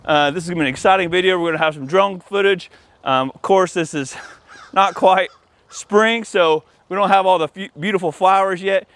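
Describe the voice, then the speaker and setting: A man with a fairly bright voice speaks at an ordinary pace while hosting an installer's channel video. He walks viewers through the work hands-on in a yard, keeping his explanations casual. Outdoor sounds and an ambient rumble fill the background.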